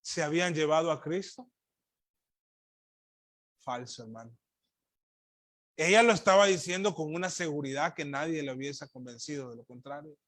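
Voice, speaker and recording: A man with a high-pitched voice preaches to his congregation, calling them brothers. He swings between loud, emphatic declarations and soft, almost murmured asides, and he leans on rhetorical questions. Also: moderate pace, pauses often, no echo, studio quality. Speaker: pastor. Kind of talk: sermon.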